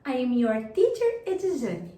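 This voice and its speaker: A woman's voice: sits high, huge pitch swings, measured pace, dark tone. A woman narrating an English language lesson for children as the teacher, encouraging pupils with praise and simple repeat-after-me words. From Brazil. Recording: roomy echo, faint background noise.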